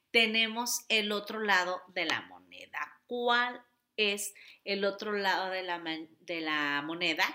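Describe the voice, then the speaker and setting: A woman's voice: medium pitch, sharp tone. A woman self-help coach giving a motivational teaching talk, speaking expressively and straight to the listener.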